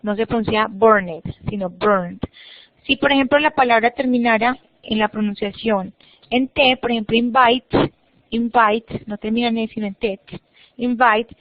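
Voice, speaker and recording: A woman with a fairly high voice leads an online English lesson, patiently walking students through each step and repeating words. The sound is dry and muffled, like a video call. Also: no echo. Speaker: English teacher. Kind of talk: online class instruction.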